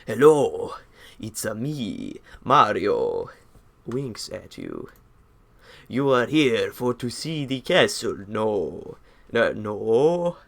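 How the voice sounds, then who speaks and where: A man's voice: on the low side, wildly swooping pitch, drawn-out words, creaky, fairly bright tone, exaggerated voice. A man putting on a mock Italian accent to voice a jolly cartoonish Italian plumber.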